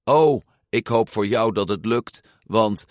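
A man's voice: mid-range voice, big pitch swings, unhurried, fairly bright tone, no room sound, clean studio sound, pitched above the performer's own voice. A man voicing a boastful, mocking teenage boy bully in a storybook reading. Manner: mocking, showy.

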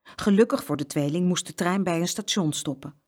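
A woman reading a children's story aloud with an expressive, lively delivery. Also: lowish voice, normal speed.

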